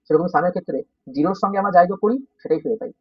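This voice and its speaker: A man teaching a coding lesson in a Bengali accent, speaking softly because of a sore throat and often checking that students follow. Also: high voice, rapid-fire, slightly rough, no echo. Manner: informal, checks understanding often. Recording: dull, dry, slightly distant.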